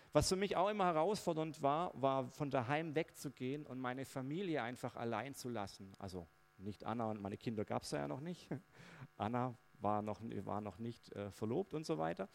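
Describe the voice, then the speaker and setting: A man preaching a personal testimony sermon, talking in a conversational, reflective way with frequent fillers. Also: medium pitch.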